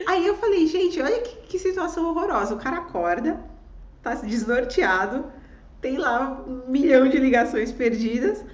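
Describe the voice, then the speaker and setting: Animated woman telling a story in an echoey room. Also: high voice, normal speed, lo-fi sound. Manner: animated, acts out quoted voices, laughs often. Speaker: guest telling a personal story. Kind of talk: casual storytelling conversation.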